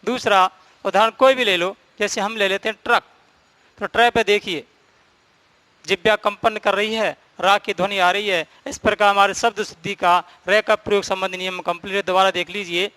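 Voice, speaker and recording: Male teacher, high bright voice, dry close sound, step-by-step grammar explanation. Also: fairly even intonation, moderate pace, clean tone, dry recording. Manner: explains step by step, repeats and stresses key points. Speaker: Hindi teacher. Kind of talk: classroom grammar lesson.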